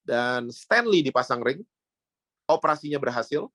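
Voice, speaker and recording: A man's voice: animated, moderate pace, bright, forceful tone, no room sound. Middle-aged male pastor preaching a sermon. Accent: Indonesian. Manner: storytelling, mixing in English phrases, rising to a high voice when quoting. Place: church sanctuary.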